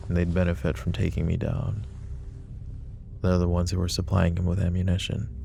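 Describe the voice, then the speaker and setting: Deep and gravelly, a man's voice plays a mafia boss who is both protective and possessive in an ASMR drama. He probes in a low, deliberate, quietly threatening manner, with a slight hiss or hum in the audio.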